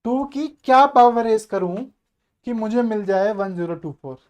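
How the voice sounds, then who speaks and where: A man's voice: high-pitched, lively intonation, normal speed, a little mellow. A male maths teacher giving an online exam-prep lecture, chatty and coaxing, asking the class rhetorical questions and mixing English terms into his explanations.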